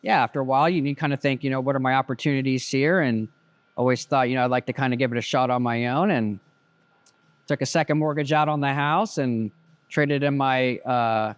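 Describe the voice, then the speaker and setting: A man's voice: medium pitch, steady tone, a little fast, no room sound. A man in his fifties, a business owner interviewed as a guest, telling his story in a plainspoken, reflective way. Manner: plainspoken, reflective, many "you know" fillers. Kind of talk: casual interview.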